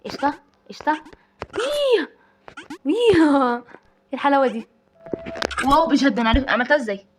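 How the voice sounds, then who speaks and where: A high-pitched, fast-talking woman with an Egyptian Arabic accent gives excitable let's-play commentary, exclaiming at every trap in the game. Steady noise hums under her voice. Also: poor audio. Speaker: gaming channel host.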